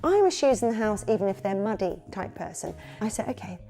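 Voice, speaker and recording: A woman's voice: medium pitch, sing-song, a little fast, mellow. A woman with a London accent, a children's party entertainer giving candid, chatty practical tips in a casual advice vlog. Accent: London English.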